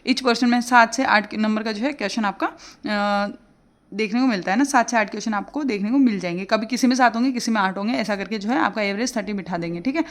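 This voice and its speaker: A woman's voice: mid-range voice, fast talker. A woman, giving casual exam-prep study advice as a tutor and chatting with plenty of fillers.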